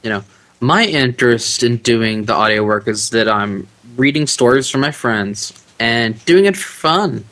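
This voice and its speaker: A man talking as a podcast guest about narrating audiobooks, relaxed and chatty, laughing easily. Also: medium pitch, unhurried. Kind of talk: casual interview chat.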